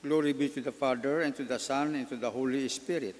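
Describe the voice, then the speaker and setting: A man serving as lector at Mass, reading scripture and leading a psalm with formal, measured, declamatory phrasing. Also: mid-range voice, fairly even intonation. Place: large reverberant church. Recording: echoey hall with long reverb.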